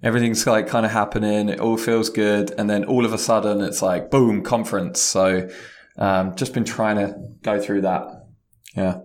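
British male podcast co-host, lowish voice, chatty and self-deprecating, heavy room echo from a conference room. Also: little pitch movement, normal speed. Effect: roomy echo on the voice. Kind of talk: casual podcast chat.

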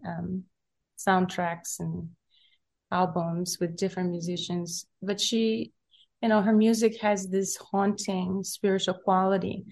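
A middle-aged woman telling her story in an interview, soft-spoken and searching for words, with frequent pauses and fillers. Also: lowish voice. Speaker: recording artist interviewed.

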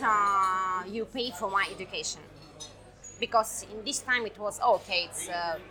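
Guest: Russian woman, forties, hesitant second-language English, music bed behind. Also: mid-range voice. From Russia, Siberia. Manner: halting non-native English with many fillers. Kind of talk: casual chat.

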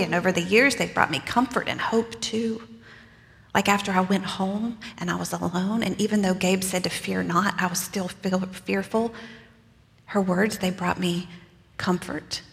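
A woman's voice: on the low side, fairly even intonation, moderate pace, creaky, big-room sound. A woman preaching in the first person as Mary, a young mother telling her own story in an earnest, conversational way with casual asides, in a church. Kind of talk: first-person dramatic sermon monologue.

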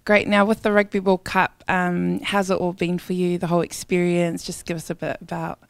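A woman's voice: fairly low pitch, level tone, moderate pace, creaky, clear, resonant tone, no room sound. A woman hosting a radio interview, asking questions in a friendly, informal way. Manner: friendly, informal, uses fillers.

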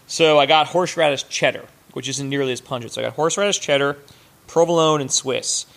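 The host of a sports fan podcast, a man with a mid-range, gravelly, fairly bright voice, rants casually while cooking. His commentary comes in fast, sarcastic bursts laced with profanity.

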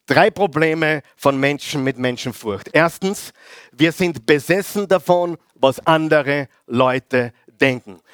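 A middle-aged Austrian man preaching in a lively way and calling the congregation to read aloud with him. His voice sits fairly high for a man. It is recorded close and dry, with no room echo. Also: takes it slowly, clear, resonant tone. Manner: lively, leads the congregation in call-and-response readings. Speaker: pastor. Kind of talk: sermon.

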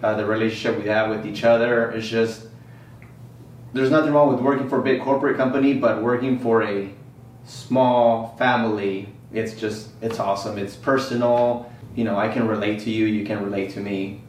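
A man talking easygoing and relaxed as a guest in a casual workplace interview. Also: lowish voice, moderate pace, a little hiss or hum. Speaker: guest, company employee. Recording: roomy, distant from the mic.

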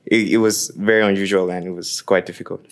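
A man in his late twenties from Nigeria shares his view on a live panel. He tells his story in an animated way and laughs as he talks. His voice sits on the low side for a man. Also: fast. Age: 20s. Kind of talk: panel discussion.

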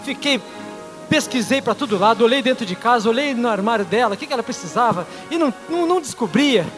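A man's voice: very high voice, lively intonation, quick pace, a bit bright, faint music behind. A man playing a proud, clueless husband in an amateur church skit, boastful and exclamatory.

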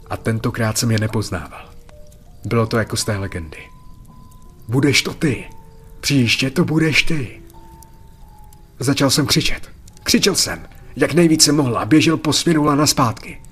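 A man reading a first-person horror story aloud in a somber, measured narration. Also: mid-range voice, a bit bright. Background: faint music.

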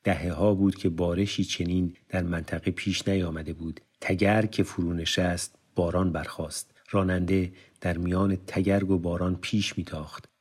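A man narrating an audiobook in a measured, formal storytelling manner. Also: sits low, a little mellow, slightly rough. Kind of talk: scripted literary narration.

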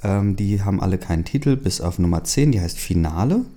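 A man's voice: sits low, animated, a little fast, warm tone. A man casually reading a fan story aloud, hesitant, with many fillers and chatty asides. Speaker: story reader.

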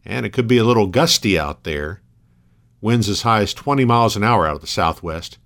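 Measured man reading local radio news. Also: fairly low pitch, animated, fairly bright tone.

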